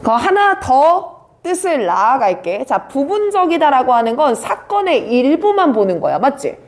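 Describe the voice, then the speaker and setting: A woman teaching an English vocabulary class, brisk and teasing, quizzing students by name. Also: sits high, very animated. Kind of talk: live online vocabulary class.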